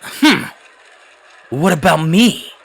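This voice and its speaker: A man's voice: sits high, animated, takes it slowly, vocal fry, heavily acted. A man voicing a cocky, irritable racer in an anime fan dub, with a dismissive, grumbling delivery. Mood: irritated, dismissive.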